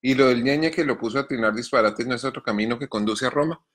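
A man, reading his news column in a measured, deliberate way, then answering viewer questions between coughing fits. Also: medium pitch, a bit bright. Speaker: journalist columnist.

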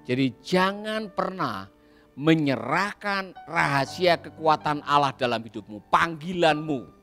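High-pitched preacher man telling stories. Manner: lively storyteller, acts out quoted voices, asks "ya kan?". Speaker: pastor. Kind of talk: sermon with told stories.

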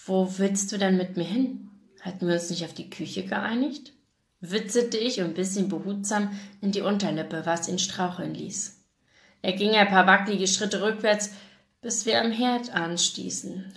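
A woman's voice: mid-range voice, a bit bright. A woman with a German accent giving a live reading of a romance novel, narrating in first person and acting out the dialogue. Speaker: reader of a novel. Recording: echoey room.

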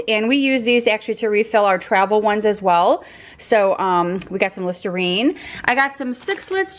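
A woman's voice: on the high side, a bit bright. A woman in her thirties chatting casually through a haul video in her home kitchen, upbeat and full of ums. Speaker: vlogger.

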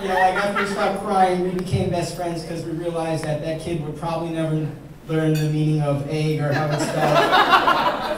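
Speaking in a high-pitched voice, a young best man reads his wedding toast off a page into a handheld microphone, mocking himself and waiting for the laughs. The indoor banquet hall is large and echoey, filmed from far off by a distant camera. Heavy background noise and crowd laughter fill the clip.

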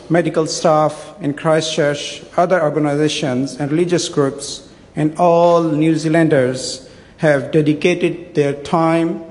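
A middle-aged man reading a translation and offering a prayer in a measured, solemn manner at a stand microphone in a large parliament chamber. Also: a little high, darkish tone. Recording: long reverb of a large hall.

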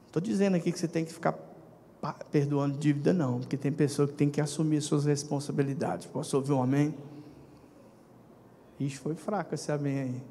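A man with a Brazilian accent preaching a lively sermon, speaking to his congregation and acting out voices. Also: on the high side, slight background noise. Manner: animated, talks to congregation, acts out dialogue. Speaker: pastor. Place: church hall. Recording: long church reverb.

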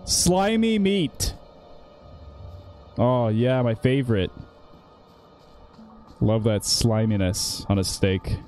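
A man playing a video game and bantering casually, joking and laughing often, reacting loudly to the game. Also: lowish voice, fairly even intonation, slow pace, long pauses. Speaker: gaming streamer. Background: game music.

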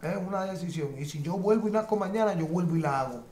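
A man's voice: sits high, expressive, fast talker, warm tone, roomy sound. A man giving heartfelt advice in a casual interview, emphatic and repetitive. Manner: emphatic, repeats points, peppers with "brother" and "¿entiendes?". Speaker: guest artist.

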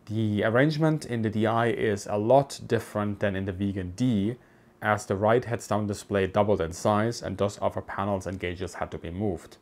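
A man with a fairly low voice narrates in a measured, explanatory way. His delivery is scripted and steady, like a guided documentary walkthrough recorded as a voice-over. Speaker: presenter. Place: voice-over, not recorded in the pictured cockpit.

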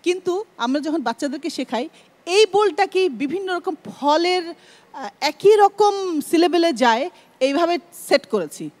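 A woman's voice: very high voice, expressive, unhurried, darkish tone. A woman, a dance teacher judging a show, explaining and reciting dance rhythm syllables with a Bangladeshi Bengali accent. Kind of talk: judge's comments.

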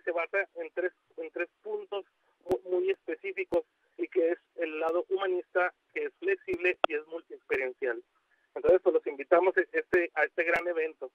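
A Mexican man being interviewed by telephone, speaking haltingly with many restarts and fillers. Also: fairly high pitch, no room sound. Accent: Mexican Spanish. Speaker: university outreach coordinator, interview guest. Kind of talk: phone interview on radio. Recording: muffled dry phone line.

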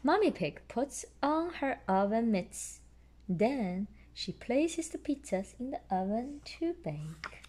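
Her fairly high voice moves slowly but brightly through a bedtime story she's reading to her child. This mother takes a patient, simple approach to explaining things.

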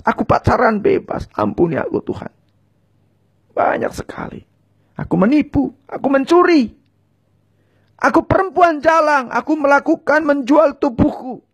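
A man preaching and leading viewers in a fervent prayer, giving short lines for them to repeat. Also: extremely high pitch. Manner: speaks in tongues.

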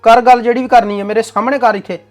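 A man's voice: very high voice, fairly even intonation, quick pace, soft background music. A young man with a Punjabi accent acting a bossy, commanding husband in a domestic drama. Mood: stern.

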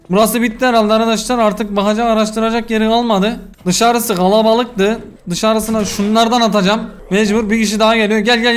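A man giving let's play commentary as a gaming YouTuber, excitable and yelling curses at enemies into a desk microphone. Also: high voice, a little hiss or hum.

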